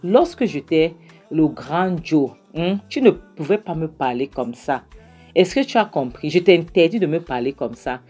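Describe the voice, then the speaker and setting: A woman voicing a cocky, washed-up man who rambles and defies his former friend, in a low voice. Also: animated, normal speed, warm tone, slightly rough, highs cut off, soft background music. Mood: defiant, rambling. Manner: rambling, defiant. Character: cocky washed-up man lounging where he shouldn't.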